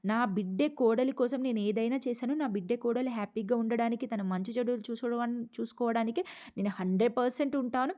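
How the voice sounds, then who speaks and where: A woman's voice: on the high side, quick pace, warm tone, highs cut off, lightly acted. A woman voicing a stern elderly man from a TV serial who declares his vows firmly. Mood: resolute. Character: stern elderly man, protective grandfather, resolute.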